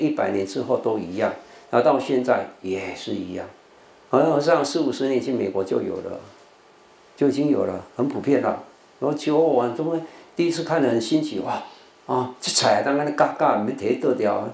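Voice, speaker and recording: A man's voice: mid-range voice, gravelly, a little mellow. An older man, a Buddhist monk from Taiwan with a Taiwanese Mandarin accent, teaching English words and leading call-and-response drills, sometimes slipping into Taiwanese Hokkien. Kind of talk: televised vocabulary lesson. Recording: roomy hall with faint background noise.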